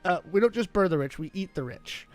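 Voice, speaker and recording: High-pitched man hosting a game night. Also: animated, brisk, soft background music. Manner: reads game text with playful dramatic flair. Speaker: game host reading events aloud. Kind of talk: casual game night narration. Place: gaming shop.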